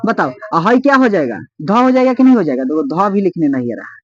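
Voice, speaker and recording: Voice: mid-range voice, big pitch swings. A teacher with a Bihari accent giving a step-by-step grammar lesson, repeatedly checking that students follow. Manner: repetitive, keeps asking students whether they follow; explains step by step, patient and drawn-out. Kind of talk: recorded Hindi grammar lesson. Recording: dull, dry lo-fi recording.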